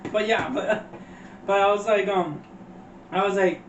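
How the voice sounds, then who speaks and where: A man's voice: high-pitched, steady tone, a little slow. A man co-hosting a casual movie review, retelling scenes loosely and laughing as he quotes the characters. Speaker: podcast co-host. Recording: dull, far-off roomy mic with faint noise.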